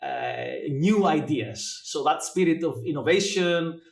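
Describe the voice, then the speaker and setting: A man in his forties, originally from Greece, explaining his work as a guest, with many filler pauses between thoughts. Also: fairly high pitch, gravelly. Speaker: guest, blockchain educator. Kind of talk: interview answers. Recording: echoey room.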